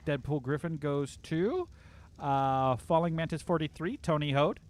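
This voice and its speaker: A man's voice: a little high, lively intonation, measured pace, a little hiss or hum. Chatty upbeat man hosting a game stream. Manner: chatty, upbeat, reads viewer comments aloud. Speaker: livestream host. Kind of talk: casual live-stream chat. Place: home.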